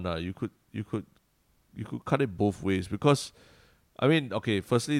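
A man's voice: low-pitched, no echo. A man with a Singaporean accent co-hosting a casual podcast discussion, peppering his talk with Singlish particles like lah. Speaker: podcast co-host.

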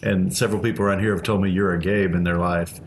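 A man's voice: low voice, level tone, fast, a little hiss or hum. A man interviewing church members, giving encouraging remarks and prompting their stories.

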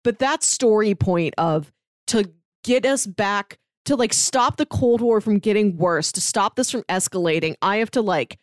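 An American woman co-hosts a podcast about comics and books, retelling stories in a casual, rambling, emphatic way. Her mid-range voice moves a little slowly, and the studio-quality recording has no echo.

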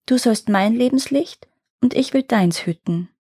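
A woman's voice: a little high, measured pace, mellow, husky, dry recording, clean studio sound. A woman voicing a grieving young maiden murmuring through tears to her sister in a storybook tale. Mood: tearful. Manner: tearful, murmuring. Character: young grieving noble daughter, first sister.

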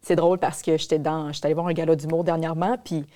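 A woman's voice: low-pitched, flat delivery, fast talker, warm tone. A woman with a Québécois accent, speaking candidly and reflectively as a podcast guest. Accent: Québécois French. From Quebec. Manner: reflective, candid, with frequent fillers. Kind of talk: casual podcast conversation.

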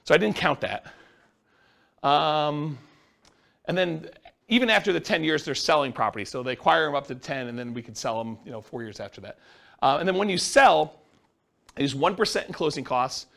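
A man's voice: fairly high pitch, expressive, normal speed, creaky, long pauses, fairly bright tone. A man teaching a class, explaining step by step and asking the class questions. He says he is losing his voice. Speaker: real estate instructor.

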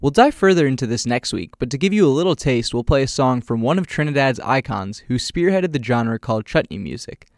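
A man hosting a podcast, reading a prepared script in an even, steady way. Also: mid-range voice, fairly quick, hardly any pauses, no echo, studio quality. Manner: reads a prepared script evenly. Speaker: podcast host. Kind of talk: scripted narration.

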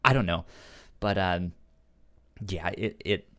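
In a low, sharp voice, a male podcast co-host takes his time while casually discussing comic books. He has a stutter that repeats syllables and sounds.

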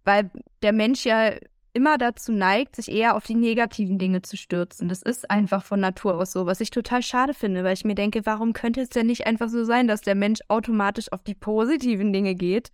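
A woman co-hosting a casual podcast chat, reasoning calmly and reflectively. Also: mid-range voice, a little fast, no room sound, studio quality. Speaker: podcast co-host.

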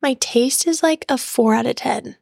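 Sick woman co-host, hoarse squeaky voice with gravelly fry, higher pitch, dry close sound. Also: moderate pace, darkish tone, no echo. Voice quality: squeaky, broken voice. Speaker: podcast co-host. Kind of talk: casual chat.

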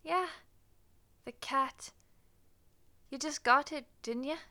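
Feisty policewoman neighbor, radio drama. High, sharp voice, garrulous and colloquial. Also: takes it slowly, exaggerated voice. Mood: explaining. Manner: folksy, garrulous, colloquial, chuckling. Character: chatty, nosy, feisty Irish-American policewoman neighbor. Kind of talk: radio play acting.

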